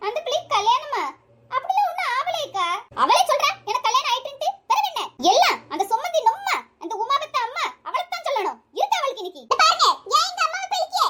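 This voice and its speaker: A woman playing a quarrelsome village auntie who scolds and shouts in a comedy sketch. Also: extremely high pitch, sing-song, fast, heavy background noise. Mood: indignant. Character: furious, loud village auntie picking a fight.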